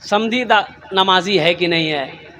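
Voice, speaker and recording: A man's voice: high-pitched, takes it slowly, bright, forceful tone, a little hiss or hum. A man preaching an Islamic sermon at a religious conference, firing rhetorical questions, answering them himself and telling stories with acted-out exchanges.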